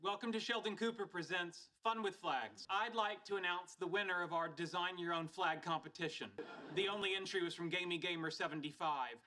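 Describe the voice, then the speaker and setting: A man's voice: sits high, brisk, bright, forceful tone. An actor playing a pedantic, socially oblivious nerdy man in a sitcom, with a prim, formal, robotic way of talking. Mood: chirpy, formal. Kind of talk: sitcom acting. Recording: noisy played-back TV sitcom clip.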